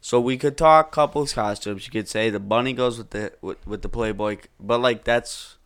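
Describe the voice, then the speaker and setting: A young man chatting casually as a co-host, his voice smooth and clear. He rambles a little and stretches his asides out. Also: mid-range voice, moderate pace, dry recording. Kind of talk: casual chat.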